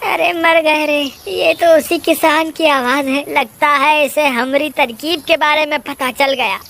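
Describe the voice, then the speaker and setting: A woman's voice: high-pitched, fairly even intonation, measured pace, vocal fry, fairly bright tone, exaggerated voice. A woman doing a panicky whiny trickster man. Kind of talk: Hindi cartoon voice acting.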